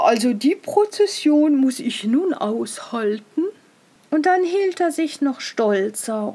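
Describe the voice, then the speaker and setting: A woman reading a fairy tale aloud in an expressive storytelling manner. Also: sits high.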